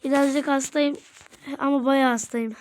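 High-pitched woman, casual game commentary host, excitable and taunting. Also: measured pace, background noise. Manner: taunts opponents, chatty and excitable. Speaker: gaming channel host.

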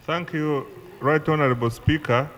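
A man's voice: a little high, fairly even intonation, a bit bright. A middle-aged man with a Ugandan accent reading a budget motion in parliament at a desk microphone. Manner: reads figures slowly from a paper. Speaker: government minister presenting a budget. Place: large parliament chamber. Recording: long chamber reverb.

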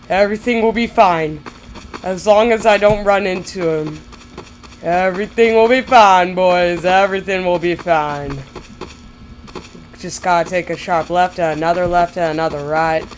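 A woman's voice: on the low side, a little hiss or hum. A young woman commentating horror gameplay, jittery and bursting into frightened shrieks. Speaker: gamer.

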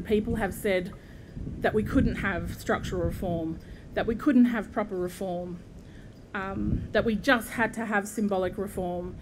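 A middle-aged constitutional lawyer from southeast Queensland, Australia, gives a commencement address as guest speaker at a podium microphone in an outdoor university courtyard. Her medium-pitched voice is earnest and measured, with frequent ums and gestures, and there is background noise.

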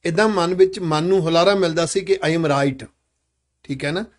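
A man's voice: fairly high pitch, normal speed. A man leading a live classroom discussion with children, asking many questions and urging them to speak up.

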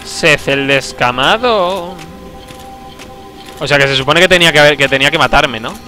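A young streamer comments casually on the game he's playing, his fairly high voice sounding pushed and bright at a moderate pace. He chats, jokes, talks to himself, and breaks into sudden outbursts. Game music plays in the background.

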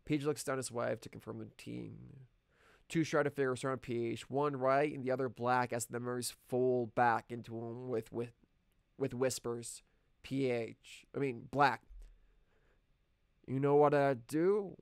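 A man's voice: medium pitch, little pitch movement, moderate pace, vocal fry, smooth, dry recording, clean studio sound. A man, a screenwriter, reading his own script aloud on a live stream and correcting himself as he goes. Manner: reading stage directions aloud, self-correcting.

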